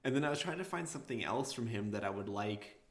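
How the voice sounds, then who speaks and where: A man co-hosting a podcast, chatting casually in a hesitant, halting way with short answers. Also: fairly low pitch, lively intonation. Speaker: podcast co-host. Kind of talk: casual chat.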